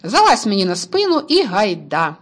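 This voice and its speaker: A woman's voice: medium pitch, wildly swooping pitch, normal speed. A woman voicing a cheerful older brother who hunts, teasing and upbeat, in a storybook reading.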